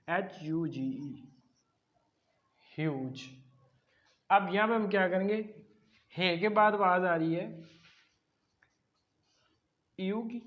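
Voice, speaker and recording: A man. He talks very slowly and patiently and keeps checking that his listeners follow. The sound is dull and lo-fi. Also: fairly high pitch. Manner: slow, repetitive explaining, often checking with "ठीक है". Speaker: shorthand teacher. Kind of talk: classroom lesson.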